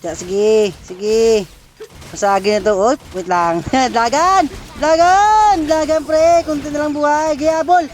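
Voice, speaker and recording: A man streaming a mobile game, giving excitable play-by-play commentary, laughing often and taunting his opponents. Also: very high-pitched, measured pace. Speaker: gaming streamer. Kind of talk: live gameplay commentary.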